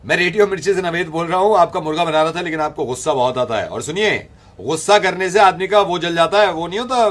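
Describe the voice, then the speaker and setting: A man's voice: on the high side, fast talker. A man hosting a radio prank call, playing innocent while he needles the person on the line. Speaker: radio host making prank calls.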